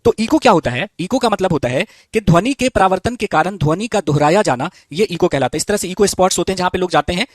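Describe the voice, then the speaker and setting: Male physics teacher, high voice, dry close sound; quizzes the class and answers himself, drills terms slowly. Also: animated, dry recording. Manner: asks the class questions and answers them himself; repeats key terms slowly. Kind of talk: live online physics lesson.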